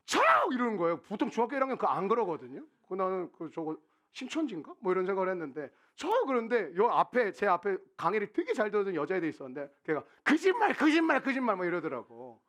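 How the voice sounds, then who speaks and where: Lively high-voiced preaching pastor. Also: male voice, quick pace. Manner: conversational, animated, acts out quotes. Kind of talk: sermon. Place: church sanctuary.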